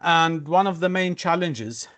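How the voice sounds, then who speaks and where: Slow, hesitant man from Lebanon. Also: on the high side, expressive, fairly bright tone. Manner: slow, hesitant, many fillers. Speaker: zoologist and consultant. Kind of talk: webinar presentation.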